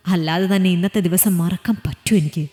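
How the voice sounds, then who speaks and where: A woman's voice: fairly low pitch, a little fast, mellow, echoey room, long reverb tail, lightly acted. A woman voicing a frail, bedridden older father in a storybook reading, bitter and self-pitying.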